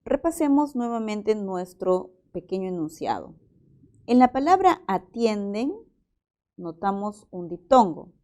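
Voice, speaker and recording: A woman's voice: medium pitch, sing-song, measured pace, a little mellow. A woman teacher, working methodically through exam-prep language exercises and explaining each example aloud.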